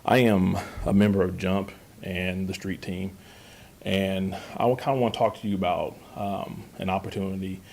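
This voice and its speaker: Man, from Kansas, public comment, gravelly, flat pitch, halting restarts. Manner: halting, many restarts and repeated words, earnest pleading. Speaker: community member giving public comment. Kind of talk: public comment at a budget hearing. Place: county meeting room.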